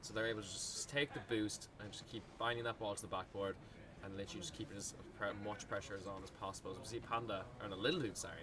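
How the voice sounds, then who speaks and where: A man with an Irish accent doing relaxed, analytical esports co-commentary at a live event. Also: fairly low pitch, quick pace. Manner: relaxed analytical color commentary, admits slips. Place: gaming arena venue. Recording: loud crowd behind at a live event.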